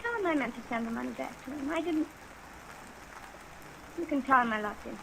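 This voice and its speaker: A woman's voice: high voice, fairly quick, gravelly, noisy background. An actress playing a desperate, bitter, fearful young woman in a 1950s radio drama, emotional and plaintive, on a vintage recording. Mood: weary, despairing. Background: steady rain sounds.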